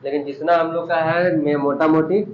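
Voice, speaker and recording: Man, commerce teacher, fairly high voice, quizzing students, dull echoey classroom recording. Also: steady tone, moderate pace, noisy background. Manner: explains terms and quizzes students with repeated questions. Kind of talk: classroom lesson.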